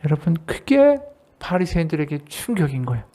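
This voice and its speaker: A pastor preaching at a church service in a voice of middle height. The delivery is animated and swings between rising and falling, with many rhetorical questions put to the congregation. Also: mid-range voice, fairly quick. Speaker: associate pastor. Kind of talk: sermon.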